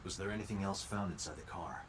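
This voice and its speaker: A man's voice: low voice, fast, noisy background, lightly acted. An actor playing a dry, wisecracking male police detective in a video game. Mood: businesslike. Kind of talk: English video game voice acting.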